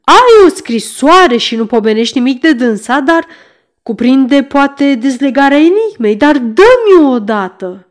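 A woman voicing an excited, boastful male police agent in an audiobook, with sharp interrupting exclamations. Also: high voice, voice pushed up. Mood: impatient.

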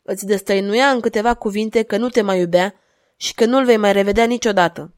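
A woman reading aloud and voicing a cold, relentless duchess who speaks in an insistent, measured way. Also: medium pitch, steady tone, close to an everyday voice.

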